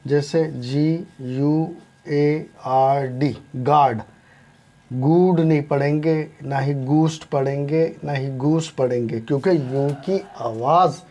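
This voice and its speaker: A man gives a relaxed English lesson, spelling each example out one letter at a time. His voice is dark and mellow, and he speaks slowly and deliberately. He keeps addressing his listeners as friends. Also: fairly high pitch. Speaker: English teacher. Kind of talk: spoken language lesson.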